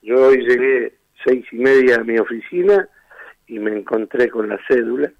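A man's voice: medium pitch, normal speed, vocal fry, no room sound, lo-fi sound. A man with an Argentine Spanish accent, a defense lawyer arguing his case insistently in a radio interview, firing off rhetorical questions.

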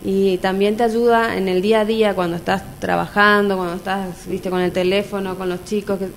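A woman's voice: mid-range voice, flat delivery, a little fast, slight background noise. Earnest Argentine woman telling her story. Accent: Argentine Spanish. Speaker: mother of three sharing her experience. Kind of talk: personal testimony in conversation.

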